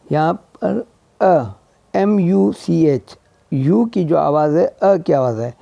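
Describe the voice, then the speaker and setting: A man's voice: a little high, expressive, slow, gravelly, warm tone, dry recording. A man teaching English vowel sounds, spelling each word letter by letter and repeating it. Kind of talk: slow spelled-out phonetics lesson. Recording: dull lo-fi sound.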